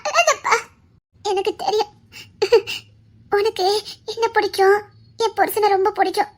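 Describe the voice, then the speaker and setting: A young woman's very high voice pleads gently with her father to stop crying. She speaks in a soothing, tender way, in a TV serial drama. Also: a little slow. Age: young adult. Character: loving grown daughter consoling her father. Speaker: daughter. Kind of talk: TV serial acting.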